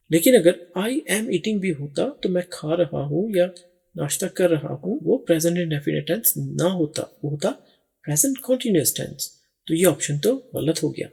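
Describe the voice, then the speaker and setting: A male English teacher, speaking in a slightly higher register. His voice is gravelly and quite raspy. He walks patiently through each exercise and reads the English phrases slowly and deliberately. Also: darkish tone. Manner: patient, step-by-step explaining. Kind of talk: explaining grammar exercises.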